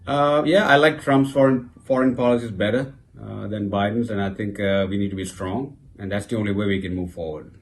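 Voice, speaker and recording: A man's voice: on the low side, fairly quick, hardly any pauses. A man from Sri Lanka giving his opinion in a street interview, confident but with many fillers.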